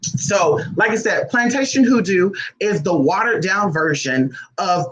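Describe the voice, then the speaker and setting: A man's voice: sits high, animated, unhurried, a bit bright, low-quality recording. A man vlogging a blunt, profane rant as a spiritual practitioner, firing off rhetorical questions. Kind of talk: unscripted ranting monologue.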